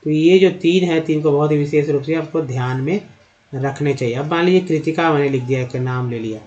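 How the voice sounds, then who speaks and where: A man with a fairly high voice teaching a phonics lesson, talking the viewer through each vowel sound and answering his own questions. The recording is dull and lo-fi. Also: brisk, darkish tone. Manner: explains step by step, often asking a question and then answering it; addresses viewers as friends, with frequent fillers like "jee haan". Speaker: English teacher. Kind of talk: Hindi-language phonics lesson.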